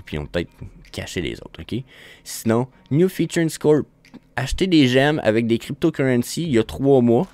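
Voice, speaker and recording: A man's voice: lowish voice, a little mellow. A man with a Québécois French accent hosting a show, rambling through casual commentary with frequent stumbles and restarts. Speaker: show host. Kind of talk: casual screen-share commentary.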